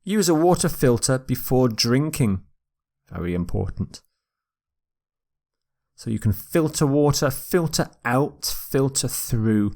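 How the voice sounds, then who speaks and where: A man teaching English vocabulary in a recorded lecture, repeating each word slowly and carefully for pronunciation. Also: mid-range voice, animated, a little mellow. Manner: slow, deliberate, repeats words for pronunciation.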